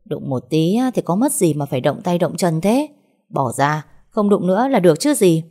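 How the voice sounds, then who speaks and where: A woman's voice: lowish voice, big pitch swings, normal speed, mellow. A woman voicing a drunk, lecherous older male sales manager who blusters and then grovels, stammering through fillers. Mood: angry.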